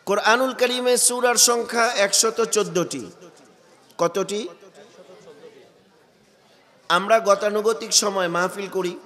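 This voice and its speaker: A man preaching a sermon at a religious gathering while he has a cold, quizzing the crowd and building to loud emphatic peaks. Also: high voice, fairly even intonation, slow, pauses often, in a large hall.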